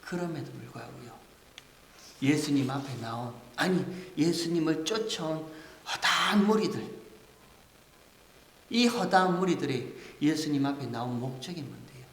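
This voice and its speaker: A man preaching a sermon as pastor, asking the congregation rhetorical questions and building to loud, emphatic preaching. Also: on the high side, normal speed, vocal fry. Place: church sanctuary. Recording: echoey church hall with long reverb.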